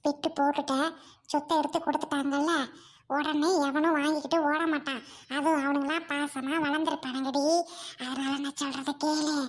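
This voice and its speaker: A woman's voice: high-pitched, level tone, normal speed, close to an everyday voice. A woman playing a bossy, scheming aunt-in-law who scolds and orders her niece in a family web drama. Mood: scolding. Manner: scolding, commanding.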